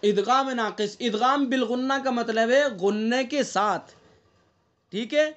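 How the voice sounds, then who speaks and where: Teaching an online Quran recitation class, a man with an extremely high, fairly bright voice explains the rules patiently. He checks in with his students often and sounds out the nasal examples himself.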